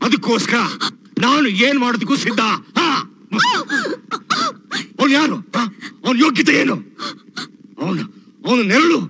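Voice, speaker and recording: An actor playing an arrogant, power-hungry husband who shouts threats at his wife, in film melodrama dialogue. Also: extremely high pitch, expressive, measured pace, pauses often, slightly rough, exaggerated voice. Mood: menacing. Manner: domineering, shouting threats, villainous.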